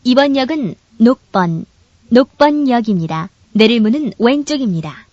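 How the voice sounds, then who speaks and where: A woman giving a formal, polite train announcement over an onboard speaker, each stop spoken in measured phrases. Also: fairly high pitch, animated, a little mellow, no echo. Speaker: subway announcer. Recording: dull, dry lo-fi recording.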